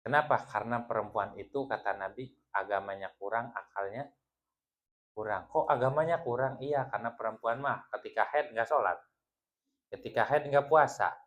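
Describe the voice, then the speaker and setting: A man's voice: mid-range voice, normal speed, a bit bright. A man, teaching a religious study group in a playful, teasing way and laughing often with his listeners. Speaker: Islamic teacher leading a women's study group. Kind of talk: joking religious study talk.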